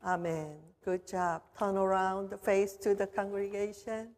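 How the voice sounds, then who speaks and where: A woman pastor leading a confirmation service in a formal, measured liturgical manner, her voice carrying a long cathedral-like echo. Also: medium pitch, steady tone, a little mellow, slight background noise. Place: church sanctuary. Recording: voice in a reverberant church.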